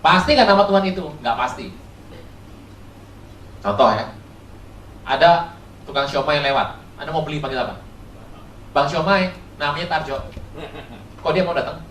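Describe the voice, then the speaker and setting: Male pastor, lively sermon, quizzes the congregation with playful stories; far from the mic in a roomy hall with faint ambience. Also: on the high side, moderate pace, long pauses, slight background noise. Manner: rhetorical questions to the audience, playful storytelling.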